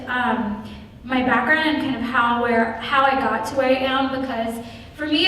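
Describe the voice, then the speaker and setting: A woman from Iraq giving a thoughtful public lecture as a visiting curator, pausing often with ums. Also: sits high, fairly bright tone, a little hiss or hum. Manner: thoughtful, frequent ums and restarts. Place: lecture hall. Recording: echoey hall, recorded from far off.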